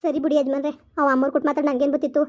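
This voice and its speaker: A frightened housemaid, put on by a woman pleads humbly with her masters in an amateur family drama. Her voice sits high and she talks quickly. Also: flat delivery, mellow, dull audio, close to an everyday voice. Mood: pleading. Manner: pleading, begging.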